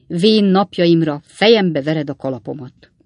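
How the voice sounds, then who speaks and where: Lady reading an audiobook doing a slow old coachman dad, low and drawly, dry sound. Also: lively intonation, a little mellow, dry recording. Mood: fond. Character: old male coachman, fond, slow-spoken father.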